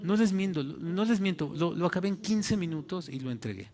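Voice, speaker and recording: A man with a Mexican accent, a pastor preaching a sermon and telling a personal story in an animated way, acting out the voices in it. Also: high voice, fairly quick, slight background noise. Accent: Mexican Spanish.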